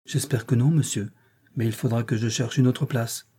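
A man's voice: mid-range voice, fairly even intonation, moderate pace, mellow, husky. A man reading a reserved young governess. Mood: firm. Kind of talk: audiobook reading.

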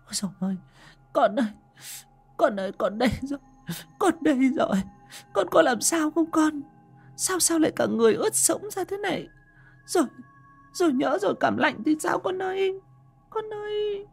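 A woman's voice: high-pitched, animated, moderate pace, gravelly, long pauses, a little mellow, faint music behind. A woman voicing a heavy, grief-stricken village mother who wails and sobs frantically while crying. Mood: frantic wailing. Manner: wailing, sobbing, frantic.

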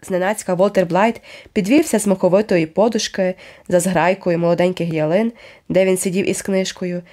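A woman narrating a children's novel aloud in a measured, expressive storytelling manner. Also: fairly low pitch. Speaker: audiobook narrator. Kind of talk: scripted narration.

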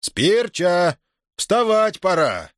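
A man's voice: on the high side, very animated, normal speed, no room sound, studio quality, voice pushed up. A man voicing a harsh, bullying cossack farmer. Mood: barking. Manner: mock-tender coaxing turning to barking orders.

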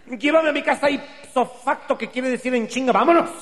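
A man voicing a dramatic, angry young woman in a shrieking falsetto with a Mexican accent. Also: fast talker, fairly bright tone. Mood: furious. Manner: shrieking, huffy.

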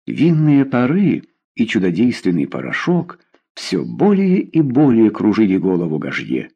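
Expressive man reading a novel aloud. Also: mid-range voice, unhurried, gravelly, breathy edge, lo-fi sound. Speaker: narrator. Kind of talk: audiobook reading of a historical novel.

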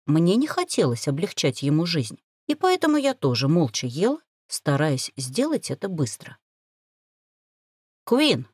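A woman narrating a first-person novel in an expressive, dramatic reading. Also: sits low, normal speed, hardly any pauses, slightly rough, dry recording, studio quality. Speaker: audiobook narrator.

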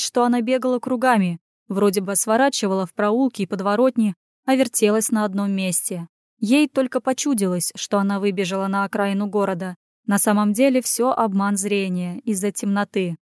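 A woman reading a fantasy story aloud in brisk, even narration. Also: medium pitch, no echo, clean studio sound. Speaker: audiobook narrator.

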